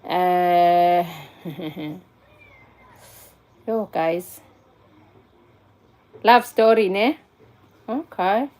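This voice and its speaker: A South African woman in her forties chats casually on a live stream, answering viewers and taking a phone call in between while switching between English and Zulu. Her voice is on the low side and a little mellow, with drawn-out words and long pauses.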